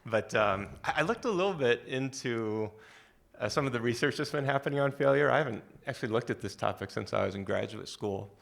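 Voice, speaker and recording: A man's voice: mid-range voice, animated, fairly quick, gravelly, a bit bright. A man who writes about psychology, introducing himself on a conference panel in a casual, wry way. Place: conference hall stage.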